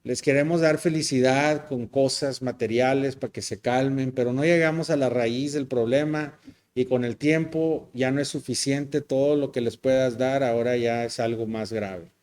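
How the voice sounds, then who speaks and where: A man's voice: medium pitch, fairly even intonation, moderate pace, darkish tone. A male pastor, preaching a sermon in a conversational, joking way. He often adds tag questions and slips in English words.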